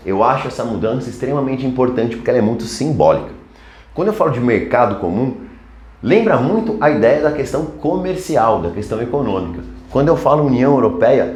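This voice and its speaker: Casual Brazilian geography teacher, roomy sound. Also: male voice, mid-range voice. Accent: Brazilian Portuguese. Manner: casual, addresses students as "cara". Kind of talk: chalkboard lecture. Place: classroom.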